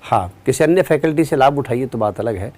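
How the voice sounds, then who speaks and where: With a mid-range voice, a man teaches a live online class geared toward exam prep. He takes his time explaining, quizzes the students and answers the chat, clearly tired after a long day.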